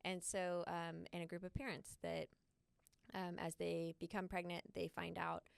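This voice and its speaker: A woman co-hosting a ministry podcast, speaking in an earnest, thoughtful way with frequent filler pauses and a gravelly fry. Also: on the low side, little pitch movement, dry recording. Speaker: podcast co-host. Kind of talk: casual podcast chat.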